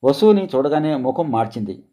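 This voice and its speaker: Guy reading a story out, calm and even, warm dark voice. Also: mid-range voice, normal speed. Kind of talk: scripted story narration.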